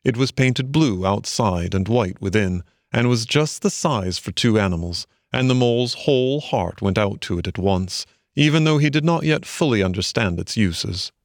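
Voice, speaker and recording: A man narrating a storybook in an expressive, measured way. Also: lowish voice, dry recording, clean studio sound. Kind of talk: storybook reading.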